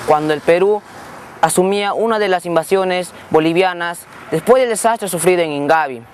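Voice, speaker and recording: High-voiced young Peruvian male school reporter. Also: slight background noise. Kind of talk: scripted biographical narration.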